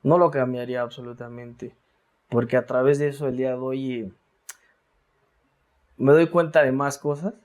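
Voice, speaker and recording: A man's voice: mid-range voice, fairly even intonation, normal speed, pauses often, a little mellow. A man with a Mexican accent, a guest in a casual interview, telling his story in a reflective, rambling way with many fillers and repeated words.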